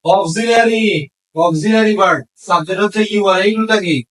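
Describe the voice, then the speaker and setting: In his lesson on making questions in English, a man mixes Bengali and English, putting questions to the class and repeating the answers back. The voice is high, a bit bright and brisk, and the rough recording picks him up from far away.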